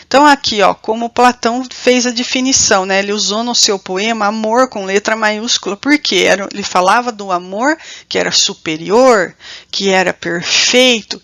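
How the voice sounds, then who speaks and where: A Brazilian woman teacher with a fairly high voice explains a lesson at an easy pace. She keeps asking her students whether they follow. The sound is close and dry, with no room echo. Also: fairly bright tone. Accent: Brazilian Portuguese. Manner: explanatory, checks in with students often. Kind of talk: recorded online class.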